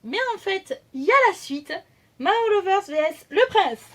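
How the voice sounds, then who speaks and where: Femme enthousiaste à la voix aiguë. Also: female voice, very high voice, lively intonation, normal speed. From France. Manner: chatty, hesitant, many fillers and self-corrections. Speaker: vlogger. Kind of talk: casual chat. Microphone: phone camera.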